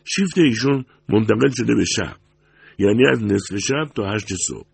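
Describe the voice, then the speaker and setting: A man voicing a big, calm diner manager with a deep voice, speaking politely and formally. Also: vocal fry, husky, no echo, heavily acted.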